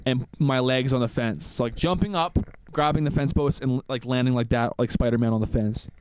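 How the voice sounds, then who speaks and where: A young man co-hosting a podcast, telling animated stories in casual chat and laughing often. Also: mid-range voice, brisk, slight background noise. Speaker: podcast co-host.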